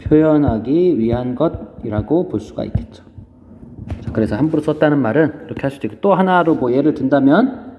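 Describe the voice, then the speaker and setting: A male teacher giving an online lecture, explaining step by step with fillers, pausing as he writes notes. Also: on the high side. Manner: explains slowly while writing, frequent fillers. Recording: dull lo-fi audio, long reverb, faint noise.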